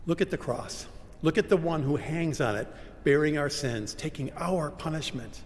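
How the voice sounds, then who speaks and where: An older man preaching a sermon from a pulpit, dramatic, moving from loud cries to hushed whispers. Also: a little high, normal speed. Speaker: pastor. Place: large church sanctuary, standing at a pulpit. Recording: long church reverb, faint room hum.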